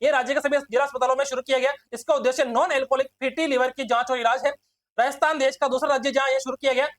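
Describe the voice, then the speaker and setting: A male teacher running a quick exam quiz lesson, repeating himself and constantly calling his listeners friends. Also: very high voice, fairly even intonation, a bit bright. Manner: fast, repetitive, keeps addressing listeners as friends.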